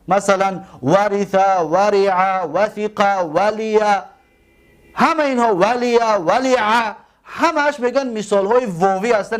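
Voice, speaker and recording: A man gives a classroom lecture as a religious teacher. He asks the class questions, answers them himself, and stretches out and repeats example words slowly. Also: high-pitched.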